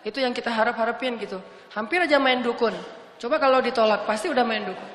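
Speaking at a quick pace in a fairly high, fairly bright voice, a woman preacher gives a lighthearted, casual sermon packed with joking stories. The recording comes from an echoey hall with long reverb.

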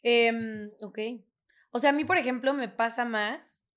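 A woman's voice: on the high side, measured pace, fairly bright tone. A young woman in her twenties with a Mexican accent, co-hosting a casual chat and telling stories full of "o sea" fillers. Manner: chatty storytelling, fillers like "o sea". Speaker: podcast co-host.

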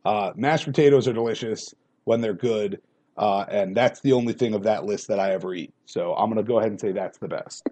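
A man's voice: lowish voice, brisk, mellow. Man chatting easily as podcast producer. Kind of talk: casual podcast chat.

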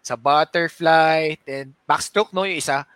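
Bright-voiced male host. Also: fairly high pitch, measured pace, smooth, no room sound. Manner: curious, probing questions. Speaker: podcast host. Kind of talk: casual interview chat, mixing English and Tagalog.

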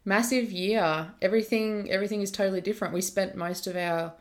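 A woman's voice: medium pitch, fairly even intonation, a little fast. Chatty young Australian woman. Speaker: podcast co-host. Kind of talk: casual chat.

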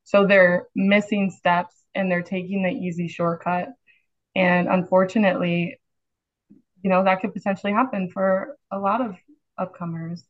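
A woman nurse from the Chicago area, explaining her work in a measured, steady way in a casual podcast conversation. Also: fairly low pitch, highs cut off. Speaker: nurse guest.

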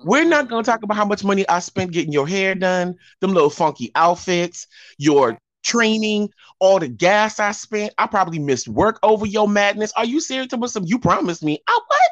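Animated woman co-host, dry close sound. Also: mid-range voice, moderate pace, dry recording. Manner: animated, interrupting, laughing. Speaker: podcast co-host. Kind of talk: casual chat.

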